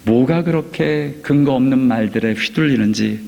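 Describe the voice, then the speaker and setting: A male pastor preaching a sermon in a church, swinging from hushed asides to loud, emphatic peaks. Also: medium pitch, moderate pace, creaky. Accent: Korean. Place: church sanctuary. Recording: long hall reverb.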